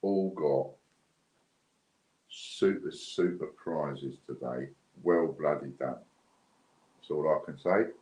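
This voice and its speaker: Speaking with long pauses at a slow pace, this British man has a very deep, slightly mellow voice. He rambles casually and chattily, without a script, while hosting a giveaway livestream. The audio is dull lo-fi with a roomy echo and clearly audible background noise.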